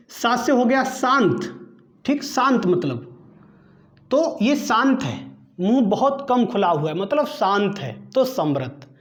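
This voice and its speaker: A man's voice: extremely high pitch, echoey room. A man teaching an exam-prep grammar lesson, quizzing the class and answering himself while drilling each term. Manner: asks quiz questions and answers them himself, repeating terms; slow, deliberate drilling of each item.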